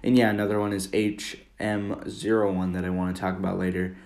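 Speaking briskly in a low, slightly mellow voice with vocal fry and a flat delivery, a Minnesota teen or young adult narrates his screen recording. He's an amateur video maker, rambling informally but earnestly, recorded in an echoey, roomy space at home.

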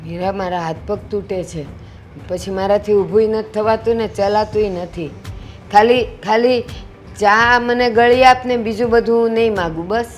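A woman's voice: medium pitch, moderate pace, faint music behind, natural voice. An actress playing a frail elderly mother-in-law who pleads plaintively for sweet tea. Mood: pleading. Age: older.

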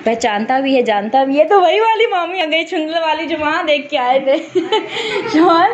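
Very high-voiced playful woman. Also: animated, unhurried. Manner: playful, laughing, sing-song. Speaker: family member playing with a toddler. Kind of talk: playful baby talk. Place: at home indoors. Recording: dull lo-fi sound with loud background noise.

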